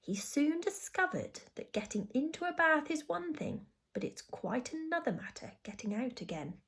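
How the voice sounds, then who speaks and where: A woman teacher reading a children's storybook aloud in an expressive storytelling manner. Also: sits high, moderate pace.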